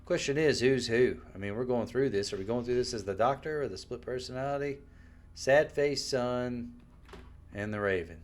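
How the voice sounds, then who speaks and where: A man casually commenting on a horror game while he plays, relaxed and musing. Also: medium pitch, moderate pace. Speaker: gameplay commentator. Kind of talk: casual let's play commentary.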